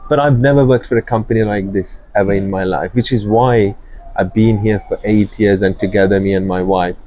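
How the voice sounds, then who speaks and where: A man's voice: fairly low pitch, steady tone, a little fast, mellow, muffled recording. A man from Sri Lanka, speaking earnestly as a guest in an interview, with many fillers and restarts. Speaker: guest, company executive. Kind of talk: interview conversation.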